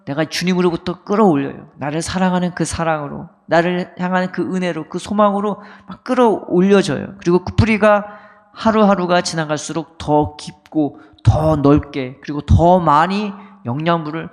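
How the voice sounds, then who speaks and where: A man's voice: a little high, fairly even intonation, moderate pace. A male pastor preaching an early-morning sermon with emphatic, repeated phrases and a rising and falling delivery. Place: church sanctuary. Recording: long reverb of a church hall.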